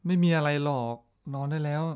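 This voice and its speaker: A man's voice: on the high side, steady tone, fairly quick, darkish tone, clean tone, lightly acted. A man playing a caring but dismissive, practical husband in a radio drama. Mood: firm, dismissive.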